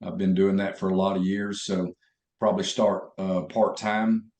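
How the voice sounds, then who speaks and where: Low, even-toned man with an Alabama accent. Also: normal speed. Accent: Southern US, Alabama. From Alabama, USA. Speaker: meeting participant introducing himself. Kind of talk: casual self-introduction. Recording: roomy echo.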